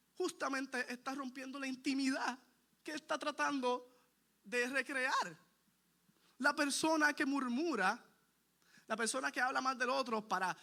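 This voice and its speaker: A man with a high, bright, forceful voice preaches a sermon. He is earnest and emphatic, driving his points home by repeating them, and he turns to the listeners with direct questions.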